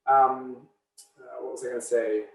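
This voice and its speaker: A man's voice: mid-range voice, little pitch movement, unhurried, distant mic. A man answering seminar questions over a video call, with a mid-range voice. He sits some way from his mic in a roomy space. He thinks aloud, with frequent restarts and fillers. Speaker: seminar speaker. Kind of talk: academic Q&A answers.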